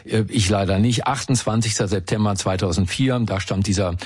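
A man's voice: on the low side, brisk, breathy edge, no room sound. A man hosting a radio show, chatting casually and playfully with a reporter. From Argentina. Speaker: radio host.

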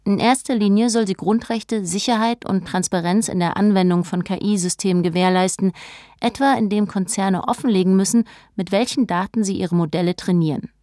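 A woman narrating a documentary script in a measured, informative tone. Her voice sits in the middle range and is recorded close and dry, with no room sound. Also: mid-range voice, mellow, no room sound.

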